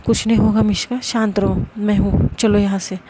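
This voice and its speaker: A woman voicing a protective young woman who calms and reassures a frightened friend, in a spoken love story. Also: mid-range voice, moderate pace, heavy background noise, natural voice. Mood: soothing. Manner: soothing, reassuring.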